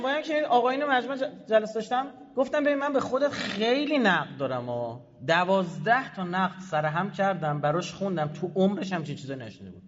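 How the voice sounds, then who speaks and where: Fiery male speaker, fairly high voice, sarcastic, rising to loud bursts, dull hall recording. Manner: heated, sarcastic, swings between loud bursts and low asides. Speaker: head of an institute. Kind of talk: animated talk to an audience. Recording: dull lo-fi audio in a reverberant hall.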